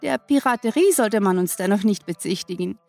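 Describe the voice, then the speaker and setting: A woman's voice: mid-range voice, animated, fairly quick, gravelly, a little mellow. A woman hosting a podcast, reading a playful scripted announcement full of sailing wordplay. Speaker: podcast host. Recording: faint music behind.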